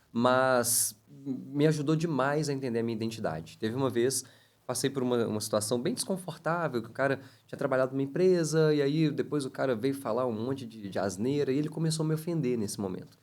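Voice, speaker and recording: Man, podcast guest, earnest storyteller, mid-pitched, casual conversation. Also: fairly quick, darkish tone. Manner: earnest storytelling of a personal faith experience. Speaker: podcast guest, ministry leader.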